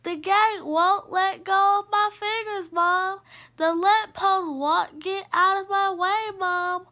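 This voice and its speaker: A woman's voice: very high-pitched, steady tone, slow, sharp tone, pitched above the performer's own voice, exaggerated voice. A woman voicing an anxious little boy kitten who pleads and asks questions. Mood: pleading.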